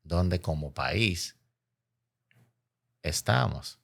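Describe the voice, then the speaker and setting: An interview guest from the Dominican Republic, a logistics expert, explains things with a Dominican Caribbean Spanish accent. His low, creaky voice is expressive and draws out words, and he speaks in an emphatic, oratorical way, repeating phrases for effect.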